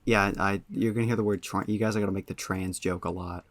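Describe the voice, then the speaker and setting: A man's voice: lowish voice, steady tone, fast talker, no echo. A man hosting a casual podcast, talking at length with lots of ums and eager enthusiasm. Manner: rambling, many ums, enthusiastic. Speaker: podcast host. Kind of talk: casual chat.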